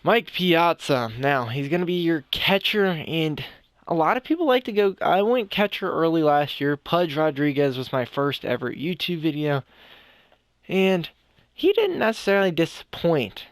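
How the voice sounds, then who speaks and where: A young gaming YouTuber with a smooth, clear voice, a bit higher than most men's and full of big pitch swings, chats casually through a video game at normal speed. He rambles, restarts, and corrects himself, sounding slightly out of breath. The recording is close and dry, with no room sound or echo.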